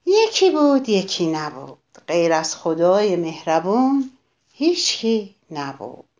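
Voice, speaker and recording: A woman narrating a children's story, slow and sing-song, speaking directly to the children listening. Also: fairly low pitch, very animated, darkish tone.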